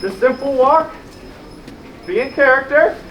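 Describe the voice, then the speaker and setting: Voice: sits high, lively intonation, measured pace, fairly bright tone. A panel host at a fan convention, talking to a live audience in a playful, teasing way and calling people up on stage. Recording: echoey room, faint noise.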